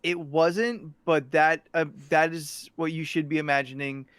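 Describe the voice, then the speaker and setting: A man's voice: fairly high pitch, steady tone, a little slow, fairly bright tone, smooth, dry recording. A man talking casually and telling stories as a podcast host. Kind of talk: casual chat and storytelling.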